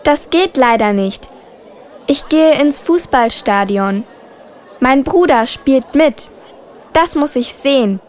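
A woman voicing a friendly schoolgirl in a textbook listening dialogue, speaking slowly and clearly. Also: high voice, expressive, darkish tone, a faint crowd. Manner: slow, careful, clearly spoken.

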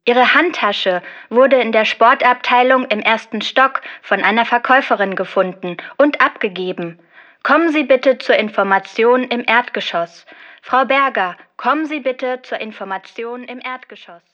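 A woman making a polite, deliberate announcement over a department store intercom. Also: on the high side, fairly bright tone. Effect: heard over a department store intercom. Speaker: store announcer in a listening exam. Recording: dull, muffled intercom sound.

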